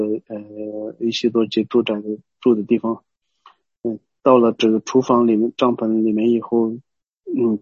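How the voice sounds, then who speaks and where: A man giving a Buddhist teaching as a story, hesitant, pausing often and explaining as he goes. The recording is dull and lo-fi. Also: mid-range voice, a little mellow, breathy edge, no echo. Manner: hesitant, many pauses and restarts, explaining as he goes.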